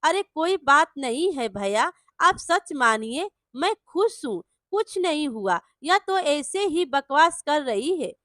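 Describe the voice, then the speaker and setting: A woman voicing a sad, anxious young village wife in a storybook tale, speaking softly and downcast. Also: high voice, big pitch swings, slow, no echo, clean studio sound, exaggerated voice. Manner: soft, downcast.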